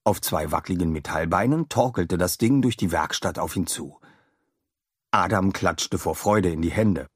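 A man reading a children's story aloud with expressive, animated narration. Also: low voice, moderate pace, slightly rough, no echo, clean studio sound. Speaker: audiobook narrator.

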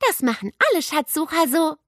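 A woman voicing a lively, slightly smug schoolgirl who tells her friends things eagerly. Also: high-pitched, brisk, no echo, clean studio sound, pitched above the performer's own voice, lightly acted. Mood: conspiratorial. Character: lively know-it-all schoolgirl.

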